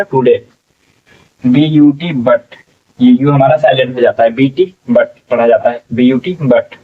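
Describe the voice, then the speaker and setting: A man of medium pitch teaches English reading in Hindi in a slow spelling lesson, spelling words letter by letter and repeating them while asking the class what they form. Recorded off mic, his voice sounds distant, tinny and phone-like.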